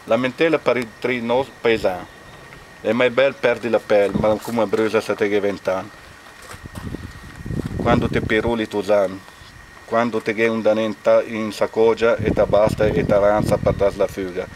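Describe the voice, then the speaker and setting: Against a noisy backdrop at a memorial bike ride outdoors, this Lombard-accented man from near Castano hesitates and fills his speech with fillers before reciting a dialect poem. His pitch is fairly low, his intonation fairly even, and his pace moderate.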